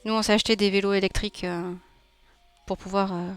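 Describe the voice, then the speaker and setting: A woman's voice: mid-range voice, little pitch movement, brisk, clean tone, faint music behind. A young woman with a southern French accent from Nîmes, chatting casually with her viewers while drawing on a live stream, laughing often. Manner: chatty, warm, laughs often, reads chat aloud. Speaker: streamer and illustrator.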